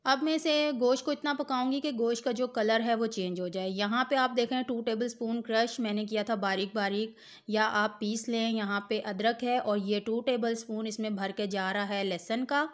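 A middle-aged woman walks the viewer through a home recipe one step at a time. Her voice sits a little high, and her tone stays patient and instructive. She speaks straight to the listener as a cooking host. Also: fairly even intonation, normal speed. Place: home kitchen.

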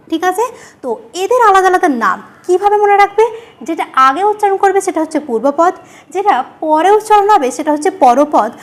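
A woman with a very high, bouncing voice leads an exam-prep grammar lesson. She poses questions to her students and answers them herself, saying each key word again, slowly. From West Bengal. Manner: repeats key words, asks and answers her own questions. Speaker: teacher.

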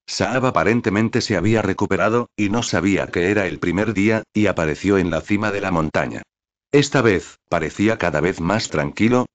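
Low male voice narrating a story recap. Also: dry recording, highs cut off. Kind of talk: scripted narration of a novel recap.

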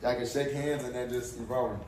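A man's voice: medium pitch, level tone, fairly quick, background noise. A man hosting a dating game segment in casual chat, brash, profane and teasing. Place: indoor room in a content house. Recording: echoey room.

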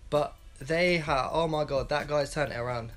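At a moderate pace and slightly high pitch, with a bit of brightness, a young man in his twenties shares blunt, rambling football opinions. Faint music sits behind his casual solo vlog, recorded in a small room at home through a wired earphone mic.

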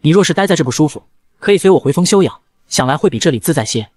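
A man doing a gruff stern old sect elder. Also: on the high side, animated, rapid-fire, a little mellow, dry recording. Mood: concerned. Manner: gruff, scolding. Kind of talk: fast manga recap narration.

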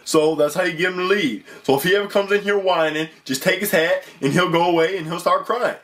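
A man's voice: high-pitched, a little fast, fairly bright tone. Man doing a drawling, slangy cartoon dinosaur. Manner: drawling street slang, calls people folk. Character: laid-back slangy male cartoon dinosaur. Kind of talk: puppet comedy skit.

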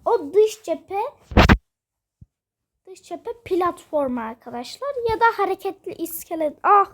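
A young female gamer, sick and coughing, chatting quietly from her bedroom while she plays, rambling with lots of fillers. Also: extremely high pitch, lively intonation, a little slow, background noise. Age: school-age. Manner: rambling, many fillers, self-amused. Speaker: gaming vlogger. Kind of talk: casual let's-play chat. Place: bedroom at home.

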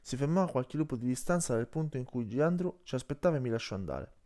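A man narrates an audiobook with an animated, widely varying voice at a middle pitch. He reads expressively, shifting his tone for every character. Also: fast. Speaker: audiobook reader.

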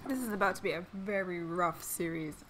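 A woman's voice: fairly low pitch, fairly quick, background noise. A young woman chatting casually to herself and her viewers while live-streaming a game, self-deprecating and easily flustered. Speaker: streamer playing a life-sim game. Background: game music.

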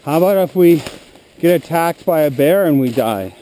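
A man with a somewhat high, mellow voice chats on a forest hike, cracking dry jokes and pointing out rocks. It is recorded on a camera strapped to his head, with faint outdoor noise behind him. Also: lively intonation, normal speed. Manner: dry, joking, explains rocks and maps. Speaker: hiker filming with a head-mounted camera. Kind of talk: casual chat while hiking. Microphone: head-mounted action camera. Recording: noisy outdoor action-camera audio.

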